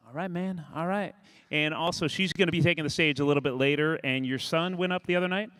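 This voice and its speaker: A man's voice: a little high, fairly even intonation, quick pace, a bit bright, smooth, no echo. A man hosting a casual broadcast interview. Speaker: interview host.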